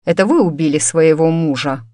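A composed young man questioning a suspect, speaking mildly and evenly in a lowish voice, as a female narrator reads him. There is no drama in his delivery, only a measured calm. The sound is dry and close. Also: no room sound, close to an everyday voice. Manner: mild, even, unhurried.

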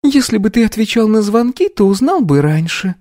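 A man's voice: high-pitched, very animated, moderate pace, a little mellow, no echo, clean studio sound, voice pushed up. A man voicing a smug, sardonic young woman in an audiobook, who mocks and needles. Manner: mocking, sardonic.

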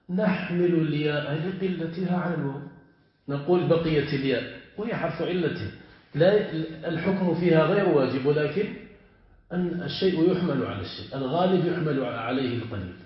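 A man teaching as a sheikh, his voice heavily echoing around a large room. He lingers on key words and keeps asking his listeners whether they follow. The recording sounds dull and lo-fi. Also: on the high side. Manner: stretches key words slowly, keeps checking understanding. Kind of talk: classroom lesson with questions to students.

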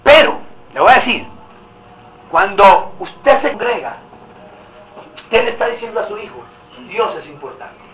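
A man's voice: sits high, big pitch swings, unhurried, pauses often, fairly bright tone, slight background noise. A male pastor preaching a sermon, exhorting the congregation with direct questions, recorded in a church hall.

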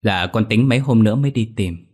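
A man's voice: on the low side, fast talker, darkish tone, natural voice. A man voicing a polite young wife. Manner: polite and deferential. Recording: faint music behind.

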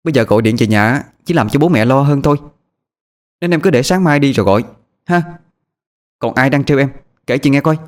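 A man voicing a young woman who firmly calms a frightened friend in a ghost story. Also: medium pitch, fairly quick, pauses often, voice pushed up, lightly acted. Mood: firm coaxing. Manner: firm, coaxing, takes charge. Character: young woman, firm and caring older sister type.

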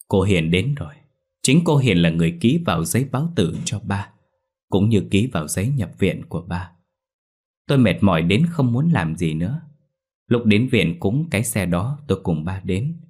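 A man narrating a first-person ghost story in a steady, somber way. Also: sits low, husky.

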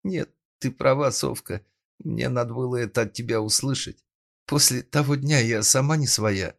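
A man's voice: mid-range voice, moderate pace, vocal fry, pitched above the performer's own voice. A man voicing a stern, protective young woman in an audiobook, speaking sarcastically and scolding her friend. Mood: tearful.

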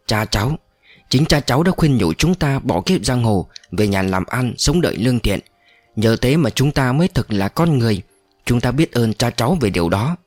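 An aged former outlaw speaking with solemn gratitude, as a male narrator puts him on. His delivery is earnest and expressive, moving freely up and down. The sound is close and dry. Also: mid-range voice, moderate pace, no echo, close to an everyday voice. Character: oldest man of a former outlaw band, grateful.

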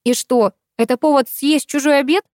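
A woman's voice: high-pitched, fairly even intonation, normal speed, dry recording, clean studio sound, pitched above the performer's own voice, lightly acted. A woman reading the part of a feisty, scolding young heroine in an audiobook. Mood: sarcastic. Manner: sharp, scolding, shouting. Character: bossy feisty young woman, quick to fight.

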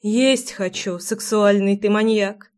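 A woman's voice: mid-range voice, steady tone, takes it slowly, a little mellow, natural voice. A woman reading a feisty, grumbling young wife. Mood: grumbling, teasing. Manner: grumbling, teasing.

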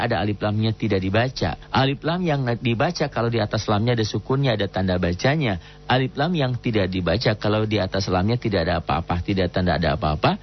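A man teaching the rules of Quran recitation in a patient lesson, stopping to chant examples slowly and melodically. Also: medium pitch, highs cut off, slight background noise. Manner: explains rules patiently, breaks into slow melodic recitation of Arabic.

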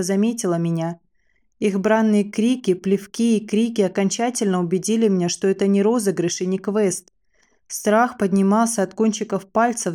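A woman reading a first-person novel aloud as an audiobook narrator, dramatic and measured. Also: mid-range voice, mellow.

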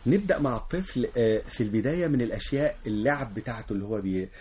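A man's voice: mid-range voice, lively intonation, very fast, a little mellow, a little hiss or hum. A man with an Egyptian Arabic accent, an education lecturer who is a talk show guest. He explains his views earnestly and in a lecturing way, often acting out example dialogues. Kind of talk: explanatory interview answers.

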